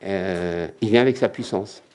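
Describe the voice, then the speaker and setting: A man's voice: mid-range voice, fairly quick, warm tone. A man giving a religious lecture as a rabbi, emphatic and repetitive, often acting out quotes.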